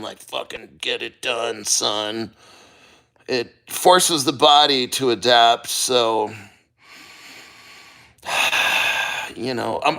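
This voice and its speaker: A man chatting casually on a livestream, blunt and sweary, with halting, strained delivery and throat-clearing as he endures cold. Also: fairly high pitch, sharp tone. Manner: halting, sighing, throat-clearing while enduring icy water. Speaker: livestreamer reading viewer comments.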